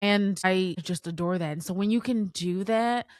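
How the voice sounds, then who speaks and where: A woman's voice: medium pitch, normal speed, no room sound, studio quality. A woman co-hosting a podcast, talking about films in an enthusiastic, emotional way with lots of fillers. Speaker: podcast co-host. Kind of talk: casual film discussion.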